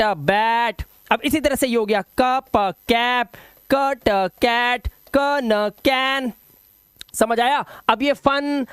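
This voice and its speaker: दोहराकर सिखाने वाला ज़ोरदार पुरुष शिक्षक. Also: male voice, very high-pitched, dry recording, clean studio sound. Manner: emphatic, repeats words slowly for drilling. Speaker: English teacher. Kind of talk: online phonics lesson.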